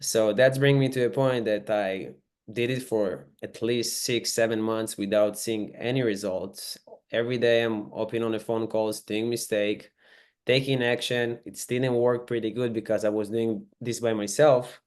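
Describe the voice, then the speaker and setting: Israeli-accented young man, low voice. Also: steady tone, normal speed, clear, resonant tone. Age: 20s. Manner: eager, non-native phrasing with fillers. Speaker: guest, real estate investor. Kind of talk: casual podcast interview. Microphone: video call.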